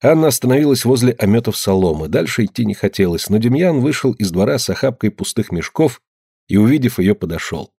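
A man narrating an audiobook story in an even, measured way. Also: medium pitch, gravelly, breathy edge, dry recording, clean studio sound.

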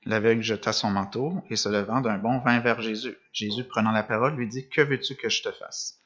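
A man with a low-ish, slightly bright voice preaches briskly with fairly even intonation in a church or meeting room, a screen behind him. He reads gospel passages and then comments on them, restarting sentences and asking rhetorical questions. The recording is dull and lo-fi.

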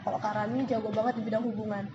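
A woman giving an animated motivational talk to a sales team, acting out examples as she goes. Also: a little high, racing. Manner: lively, animated, acts out examples. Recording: echoey room, dull lo-fi, noisy.

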